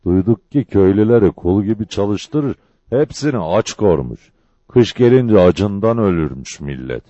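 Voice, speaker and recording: A man doing a booming old wayfarer. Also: warm tone, dry recording, dull audio. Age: older. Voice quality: booming, hammering voice. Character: old male wayfarer, tall, hearty, teasing.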